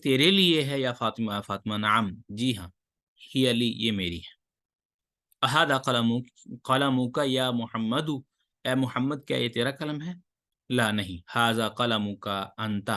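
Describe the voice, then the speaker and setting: A man's voice: mid-range voice, fairly bright tone. A man teaching an Arabic lesson. He reads each sentence, translates it and praises the student's answers. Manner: reads Arabic lines, then translates and explains.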